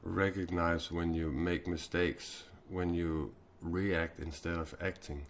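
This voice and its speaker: Danish man, low deep voice, spiritual live-stream talk, halting with fillers, faint noise behind. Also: fairly even intonation. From Denmark. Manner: halting, many fillers and restarts.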